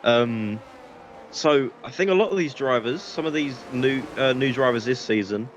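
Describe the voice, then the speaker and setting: A man's voice: mid-range voice, moderate pace, dull audio, slight background noise. A man co-commentating on motorsport, giving casual, opinionated analysis and conversational reactions to the race.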